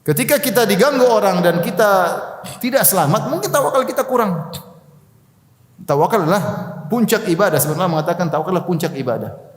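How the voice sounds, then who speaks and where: A man's voice: high voice, lively intonation, fast talker. A man giving a religious study lecture, reciting Arabic prayers line by line, translating them and joking with his listeners. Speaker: Islamic preacher. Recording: echoey hall with long reverb.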